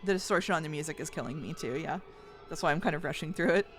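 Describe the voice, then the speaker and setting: A woman's voice: low-pitched, fast talker. Wry woman game streamer over music. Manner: playful, wry, sweary. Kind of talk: casual play-along commentary. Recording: music behind the voice.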